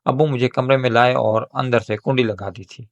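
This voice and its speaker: A man narrating an emotional moral story in the first person as a young woman, in a steady, emotional reading voice. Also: medium pitch, dull audio.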